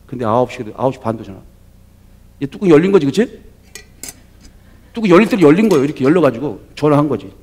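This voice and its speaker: A male pastor giving a sermon in an animated, conversational storytelling manner, often checking in with the congregation. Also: on the high side, fast, long pauses.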